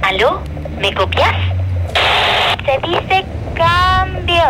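An actress voicing a playful young girl in a radio play, speaking slowly and carefully over a walkie-talkie. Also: extremely high pitch, very animated, very noisy, full character voice. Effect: walkie-talkie radio transmission.

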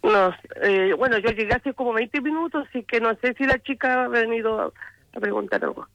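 A woman's voice: fairly high pitch, fairly quick, dry recording, lo-fi sound. A Chilean woman calling in, telling her situation hesitantly and repeating words. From southern Chile. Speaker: caller. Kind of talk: phone-in testimony.

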